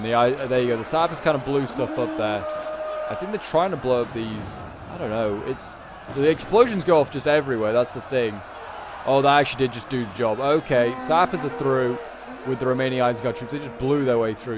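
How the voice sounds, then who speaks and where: A man giving casual, animated live commentary on a strategy game battle in colloquial speech. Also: mid-range voice, background noise. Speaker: gameplay commentator.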